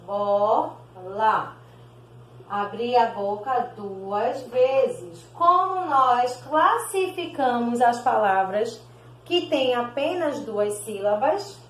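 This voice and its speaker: A Brazilian woman teaching a primary school class on video, sounding out words slowly syllable by syllable and calling the pupils "my loves". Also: fairly high pitch, animated, roomy sound, low-quality recording. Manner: slow, sounds out words syllable by syllable, calls pupils "meus amores".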